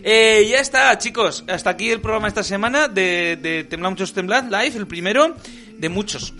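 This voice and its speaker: A man's voice: high-pitched, moderate pace. A man from hosting a comic podcast, reading a book aloud and mocking it with put-on voices. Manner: animated, mocks the text with put-on voices.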